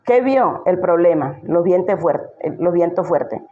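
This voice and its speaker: A woman's voice: lowish voice, expressive, measured pace, phone-quality sound. A woman pastor giving an emphatic sermon, full of rhetorical questions she answers herself.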